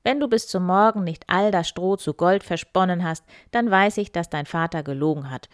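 Greedy storybook king voiced by a woman, loud, commanding, dry close sound. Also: lowish voice, moderate pace, no echo, lightly acted.

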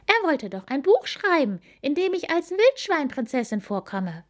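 A woman voicing a cheerful young wild boar girl in a storybook reading, chatty and lively. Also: high-pitched, normal speed, pitched above the performer's own voice.

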